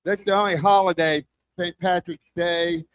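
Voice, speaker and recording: A man's voice: high-pitched, steady tone, moderate pace, smooth. An older man doing self-deprecating, crude stand-up comedy, with a strong lisp and wet, whistling s sounds. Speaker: stand-up comic. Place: live comedy open mic show.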